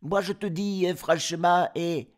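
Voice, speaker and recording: A man's voice: high-pitched, flat delivery, takes it slowly, a bit bright, voice pushed up. A man voicing a group of defiant young goat kids who mock and scold in slangy back-talk.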